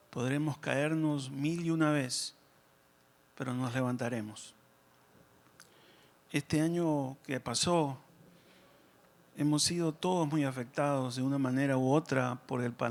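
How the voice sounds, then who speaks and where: A man speaking as a priest at Mass, in a measured, solemn way with pauses between short phrases. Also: mid-range voice, fairly even intonation. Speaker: priest preaching and leading prayers at Mass. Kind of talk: sermon and liturgical prayer. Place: church during Mass.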